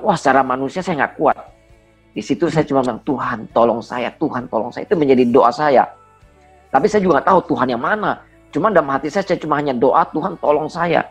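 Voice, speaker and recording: A pastor of around forty, appearing as a guest, shares an earnest personal testimony in conversation. His voice is a little high and husky, and he speaks emphatically with a slight stammer.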